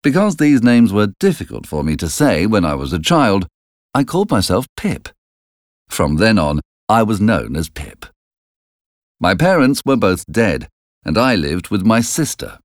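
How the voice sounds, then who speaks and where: Slow, low-voiced male storybook reader. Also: very animated, dry recording, clean studio sound. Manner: slow, deliberate reading. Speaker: audiobook reader. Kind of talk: storybook narration.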